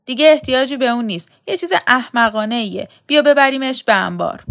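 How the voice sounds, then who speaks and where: A woman voicing a rough young male militia fighter who talks curtly and scornfully. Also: on the high side, lively intonation, a bit bright, voice pushed up.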